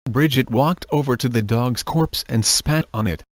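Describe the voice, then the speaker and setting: Male narrator, mid-pitched, deadpan reading, dry close recording. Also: moderate pace, no room sound. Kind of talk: reading a comic horror story aloud.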